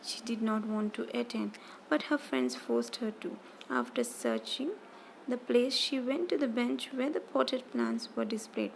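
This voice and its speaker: A woman teacher with an Indian English accent retelling a textbook story for a class, expressive, often repeating and rephrasing lines as she explains. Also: a little high, a little slow, vocal fry, a little hiss or hum, poor audio.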